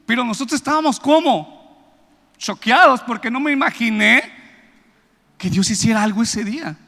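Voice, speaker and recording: A high-pitched man preaches in a big, reverberant hall. His voice is bright and forceful, and he tells a testimony in a lively way, putting on the voices of the people in it. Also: normal speed. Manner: animated storytelling, acts out quoted voices, builds to loud praise. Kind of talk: sermon with a personal testimony.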